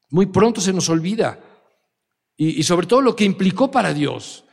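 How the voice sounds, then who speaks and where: A male pastor preaching a sermon, emphatic and often asking the congregation questions. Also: a little high. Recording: church hall reverb.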